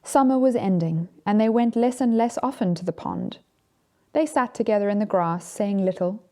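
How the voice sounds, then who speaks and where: A drag storytime host reading to children in a gentle, theatrical, deliberate storytelling manner. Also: mid-range voice.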